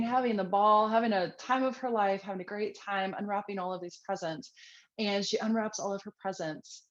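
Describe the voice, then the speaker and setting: A woman's voice: mid-range voice, lo-fi sound. A woman parenting coach giving tips straight to camera, earnest and conversational, with easy fillers. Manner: earnest, conversational, with frequent fillers and acted-out quotes.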